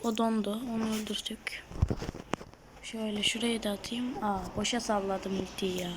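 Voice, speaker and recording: A woman giving live gameplay commentary on her gaming channel, excitable, shouting at opponents and then dropping to a murmured whisper. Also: medium pitch, a little fast, background noise.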